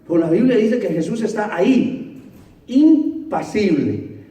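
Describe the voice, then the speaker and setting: Dramatic preacher in an echoey church. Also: male voice, high-pitched, animated, a little slow, distant mic. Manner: dramatic storytelling, swinging from loud to near-whispered. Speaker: pastor. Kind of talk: sermon.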